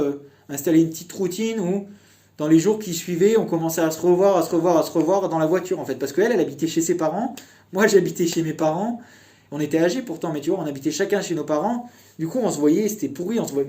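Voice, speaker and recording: A man's voice: fairly high pitch, mellow. A young man casually telling a personal story in a chatty, meandering way.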